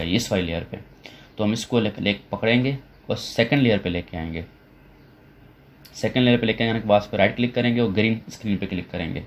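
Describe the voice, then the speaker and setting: A man walks through a software tutorial one step at a time, restarting his sentences now and then as he works at the computer. His voice sits fairly low, and the recording has a dull, lo-fi sound with muffled highs. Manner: step-by-step explaining with frequent fillers and restarts.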